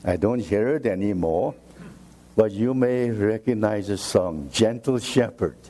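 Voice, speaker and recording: A man preaching a sermon, slow and emphatic, repeating key phrases for weight. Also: lowish voice, warm tone.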